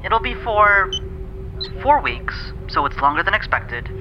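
A man's voice: sits high, big pitch swings, a little slow. A man playing a rocket pilot over a crackly communicator. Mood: radio report. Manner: clipped radio procedure talk, sheepish. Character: male rocket ship pilot radioing mission control. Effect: crackly sci-fi radio communicator transmission. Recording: muffled lo-fi radio with heavy static.

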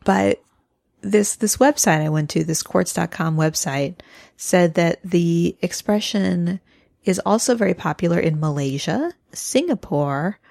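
A woman co-hosts a laid-back podcast, chatting and laughing as she reads out little facts she dug up. Her voice sits low with a gravelly fry. The recording is dry and close. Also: unhurried, a little mellow, no echo. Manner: giggly, shares little researched facts. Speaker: podcast co-host. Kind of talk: casual chat.

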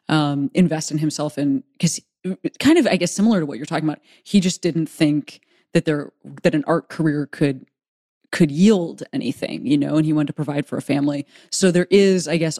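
A middle-aged woman hosts a casual chat in a low voice. She talks freely with wry, self-deprecating humor. The sound is dry and close. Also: darkish tone, no room sound. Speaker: host. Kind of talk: casual conversation.

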